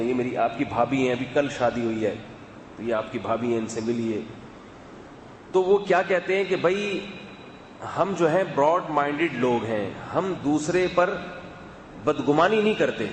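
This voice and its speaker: Give me a calm, chatty male preacher in an echoey hall. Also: on the high side. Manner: calm, chatty, asides to the audience. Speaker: religious scholar giving a talk. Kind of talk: conversational religious talk. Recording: echoey hall, faint background hum.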